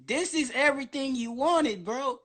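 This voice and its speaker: High-pitched young man chattering nonstop. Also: moderate pace, fairly bright tone. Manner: profane, slangy. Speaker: guest on a social media live stream. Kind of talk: casual livestream monologue.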